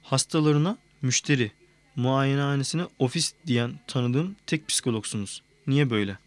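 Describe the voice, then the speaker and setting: Male reader voicing an earnest young woman student, polite and direct, mid-range pitch, dry close mic. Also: normal speed, dry recording, close to an everyday voice. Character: young female psychology student, earnest assistant. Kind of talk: audiobook character reading.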